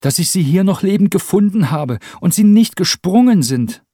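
A man's voice: medium pitch, big pitch swings, a little slow, darkish tone, breathy edge, dry recording, studio quality, voice pushed up. A man reading an audiobook and voicing a pushy young male cook who pleads breathlessly and insistently. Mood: panicked.

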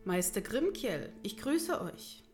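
A woman's voice: mid-range voice, very animated, takes it slowly, darkish tone, soft background music. A woman voicing a burly, bearded male village mayor in a storybook reading. He speaks formally and presses his request with huffy insistence. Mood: formal pleading.

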